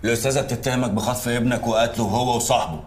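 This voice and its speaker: A man's voice: mid-range voice, fairly even intonation, rapid-fire, slight background noise, close to an everyday voice. A man playing a dry, stern police officer with an Egyptian accent.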